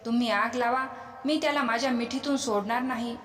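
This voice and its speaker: A woman's voice: on the high side, a little fast, lightly acted. A woman voicing a proud, scheming demoness who boasts about her plan, in an echoey space with a long reverb.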